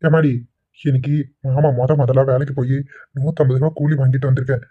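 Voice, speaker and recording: A man's voice: medium pitch, little pitch movement, brisk, slightly rough, no echo, lightly acted. A man voicing a kind, reformed middle-aged father-in-law in a cartoon, speaking affectionately. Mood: proud, tender. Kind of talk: amateur cartoon voice acting. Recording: dry, tinny phone-like sound.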